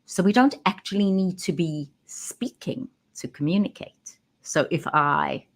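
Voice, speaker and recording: A woman who works as a communication coach, talking straight into her camera and stressing key words with pauses. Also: lowish voice, creaky. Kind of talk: direct-to-camera talk. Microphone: webcam.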